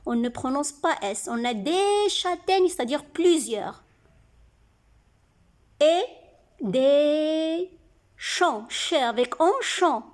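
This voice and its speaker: A woman teaching young children to read, sounding out syllables slowly and clearly. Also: high voice, darkish tone. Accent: French-speaking North African. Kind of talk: slow, deliberate reading lesson for children.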